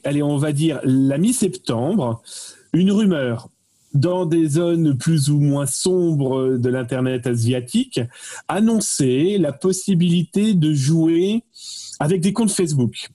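A man's voice: on the high side, lively intonation, slow pace, mellow. A man explaining a story in casual chat, digressive with frequent fillers and restarts. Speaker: guest expert.

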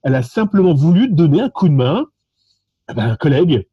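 A man from France with a French accent, telling stories animatedly in a lively, joking way about his contest calls. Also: on the high side, brisk, husky, no echo, lo-fi sound. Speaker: social engineering contest participant. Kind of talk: animated conversational storytelling.

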